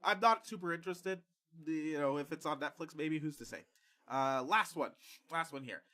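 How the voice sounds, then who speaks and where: A man's voice: on the high side, moderate pace, pushed and bright. A man hosting a podcast, chatting casually with lots of fillers and frequent laughter. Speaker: podcast host. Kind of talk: casual chat.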